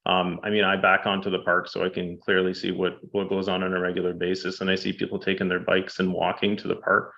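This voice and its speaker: A man presenting statistics to a city council, steady and fact-heavy, with frequent ums. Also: deep voice, fast, vocal fry, hardly any pauses, highs cut off. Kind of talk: public presentation. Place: council chamber.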